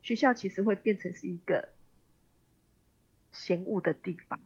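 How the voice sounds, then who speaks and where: Taiwanese-accented woman, husky, slightly muffled sound. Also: mid-range voice, normal speed, darkish tone. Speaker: expert guest, special education professor. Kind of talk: radio interview, explaining conversationally.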